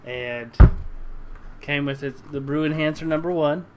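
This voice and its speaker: Easygoing young guy hosting a brew chat, voice a bit high, chuckles a lot. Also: fairly even intonation, unhurried, a loud crowd. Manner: easygoing, self-deprecating, chuckles often. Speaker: channel host. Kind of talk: casual chat while home brewing.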